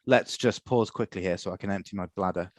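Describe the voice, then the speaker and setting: Low-voiced man, dry humour. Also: fast. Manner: dry, deadpan interjections. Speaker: podcast co-host. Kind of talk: casual comedic chat.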